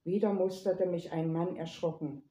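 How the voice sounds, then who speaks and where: Female reader, playful storyteller, dark mellow timbre, roomy echo. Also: on the low side, steady tone, moderate pace. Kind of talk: storybook narration. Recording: echoey room.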